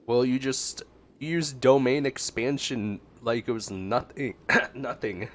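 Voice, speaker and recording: Getting over a cold, a man streams a game and offers casual, joking reaction commentary in a stuffy, congested voice. His pitch is medium, his pace slow, and there's slight background noise.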